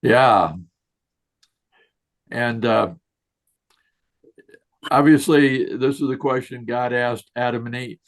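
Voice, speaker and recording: A leadership speaker addresses an online group during a video session, his medium-pitched voice slow and broken by long pauses. His talk is folksy and story-driven, sprinkled with chuckles and rhetorical questions.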